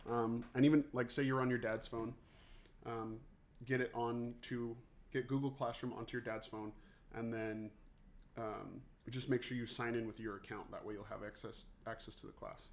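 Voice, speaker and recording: A music teacher with a mid-range, steady voice chats at normal speed during casual livestream office hours. He's chatty and jokes with his students, talking to viewers by name.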